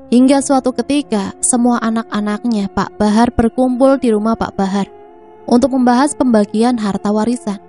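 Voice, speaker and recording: A woman narrating a scripted family drama in a steady, even reading voice. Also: on the high side. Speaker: storyteller. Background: faint music.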